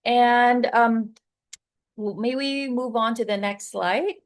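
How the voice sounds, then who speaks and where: A woman in her forties with a Filipino accent, giving a conversational webinar talk as a content creator, with plenty of fillers and lively acted-out quotes. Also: on the high side, slow pace. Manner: chatty, many fillers, acts out quoted lines.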